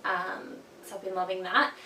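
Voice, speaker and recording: Here an Australian vlogger, young and a little sniffly with a cold, gushes chattily to her viewers about a product, using plenty of ums. Her medium-pitched voice barely moves in pitch, keeps a moderate pace, and sounds pushed and bright. It was recorded from a distance in a roomy space with a faint hum.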